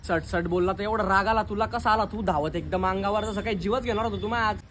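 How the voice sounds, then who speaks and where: Fast confrontational Khandeshi man. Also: sits high, fairly even intonation, background noise. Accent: Khandeshi Marathi. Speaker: comedy sketch actor. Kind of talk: comic neighbour quarrel sketch.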